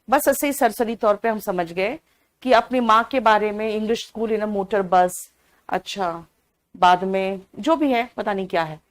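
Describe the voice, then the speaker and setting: A woman teaching an online exam-prep class, chatty and drowsy from cold medicine, mixing English words into her talk and answering students by name. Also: mid-range voice. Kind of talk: live online class, explaining an English comprehension passage.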